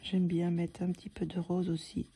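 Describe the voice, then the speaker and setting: A woman giving a calm, soft-spoken coloring lesson, often dropping into a half-whisper as she explains each step. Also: fairly low pitch, normal speed, husky. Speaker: drawing tutor.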